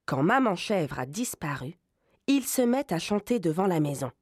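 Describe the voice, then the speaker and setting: A woman narrating a children's fairy tale in a scripted audio series, switching to high voices for the little goats. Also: moderate pace, slightly rough, no room sound, studio quality. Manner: expressive, playing small voices high. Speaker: storyteller.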